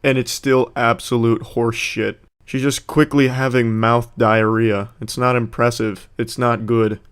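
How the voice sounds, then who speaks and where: A man's voice: mid-range voice, flat delivery, measured pace, a little hiss or hum. A man giving sarcastic, mocking commentary on rap battle clips. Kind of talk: comedic reaction commentary.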